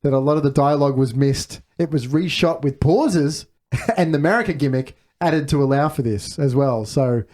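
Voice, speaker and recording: A man's voice: on the high side, moderate pace, darkish tone. A man co-hosting a movie podcast, reading out film trivia in casual chat and laughing often. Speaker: podcast co-host.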